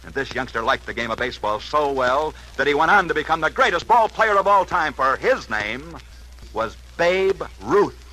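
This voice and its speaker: A man's voice: animated, pushed and bright, low-quality recording. Dramatic 1940s radio newsreel announcer man. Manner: dramatic storyteller, swooping pitch and sudden pauses. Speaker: radio sports show host.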